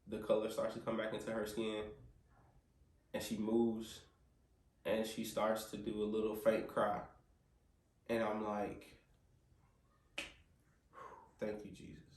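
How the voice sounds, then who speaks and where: A man's voice: fairly low pitch, darkish tone. A man telling his baby's birth story with earnest feeling, quoting himself and the nurses as he goes. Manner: earnest, quotes himself and others, prays aloud. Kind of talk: emotional storytelling. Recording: roomy sound, mic at a distance.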